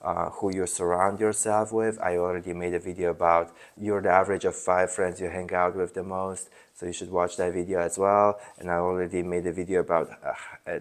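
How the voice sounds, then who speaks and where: Very low-voiced man with a mixed Polish-Mongolian accent. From Poland. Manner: hesitant, many fillers and restarts. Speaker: self-help video host. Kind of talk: casual unscripted monologue.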